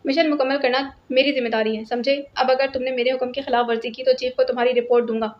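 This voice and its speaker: A woman's voice: high-pitched, little pitch movement, lightly acted. A woman voicing a stern male spy leader who barks curt orders, in a storybook reading. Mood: commanding. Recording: lo-fi, dull sound.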